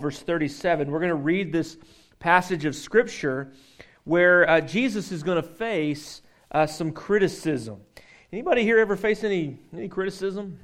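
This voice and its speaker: Man preaching a conversational sermon. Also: a little high. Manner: conversational, joking with the congregation, frequent restarts; reads scripture aloud. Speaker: pastor.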